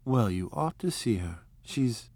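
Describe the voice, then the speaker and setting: A man reading a novel aloud, voicing a flighty young society wife in a raised, gushing, drawn-out voice. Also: mid-range voice, expressive, a little mellow, dry recording. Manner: gushing, dreamy, drawn-out phrasing. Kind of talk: audiobook character voice.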